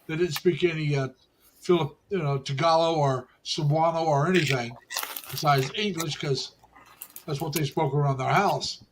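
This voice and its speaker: High-voiced rambling man in his sixties. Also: normal speed, slight background noise. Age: 60s. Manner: rambling, repeats and restarts phrases. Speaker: co-host. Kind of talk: casual livestream chat.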